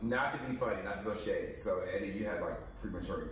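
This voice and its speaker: A man's voice: on the low side, fast talker. A man in his forties hosting a casual chat among friends, hesitant, full of likes and trailing phrases. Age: 40s. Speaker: host. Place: living room. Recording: echoey room, distant mic, background hum.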